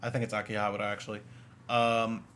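A man's voice: lowish voice, little pitch movement, fast, fairly bright tone. A man co-hosting a casual movie-review chat, talking sarcastically and trailing off into mumbled asides. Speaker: podcast co-host.

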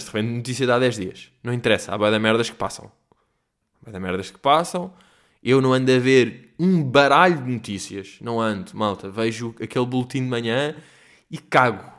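A man with a European Portuguese accent hosting a solo comedy podcast from home, rambling and swearing, jumping between loud outbursts and low mutters. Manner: profane, digressive, mixes in English phrases. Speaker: podcast host. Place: at home in quarantine.

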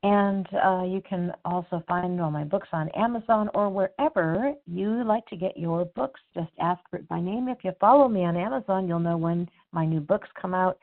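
A woman's voice: lowish voice, normal speed, hardly any pauses. A woman author talking casually about her writing, chatty and rambling, then reading her own story aloud. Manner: chatty, rambling, with fillers and restarts. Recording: tinny phone-like sound.

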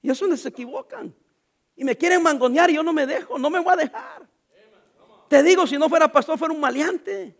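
High-voiced pastor preaching. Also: male voice, fairly quick. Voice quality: preaching voice that swings from loud to quiet, jokes with the congregation. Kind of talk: sermon. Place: church.

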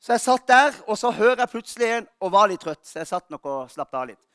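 A male pastor giving an Easter sermon, telling funny stories about himself with lively warmth. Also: high-pitched, clear, resonant tone, no room sound, studio quality. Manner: lively storytelling, self-mocking humor.

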